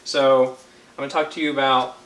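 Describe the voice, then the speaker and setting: A man's voice: medium pitch, little pitch movement, a little fast, a bit bright. Patient young man teaching brass. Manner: patient, checks understanding with frequent okays. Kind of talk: one-on-one music lesson. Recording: echoey room, faint ambient noise.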